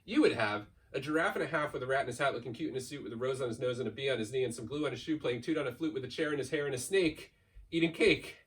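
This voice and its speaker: A man on school staff gives a theatrical, playful read-aloud of a children's book at a rapid-fire clip in a medium-pitched voice. He stretches important words and speeds through long lists, and the mic is distant.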